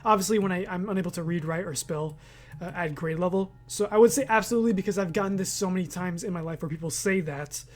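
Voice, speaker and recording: A man's voice: sits high, fast talker. Rambling, self-correcting young man. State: hiccuping. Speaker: gaming video creator. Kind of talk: casual commentary, reading a quiz aloud.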